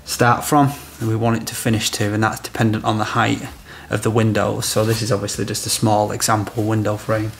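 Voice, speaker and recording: Working in a small room of a house, this electrician in his thirties demonstrates a product and explains each step in a practical way. He speaks fairly quickly with a lowish, completely flat voice, vocal fry and hardly any pauses, over slight background noise.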